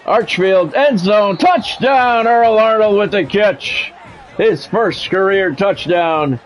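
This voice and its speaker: A man with a high-pitched voice takes things slowly as he gives sports play-by-play in short, announcer-style phrases, mixing in casual chat with his viewers as a live streamer. There's a little hiss or hum in the audio.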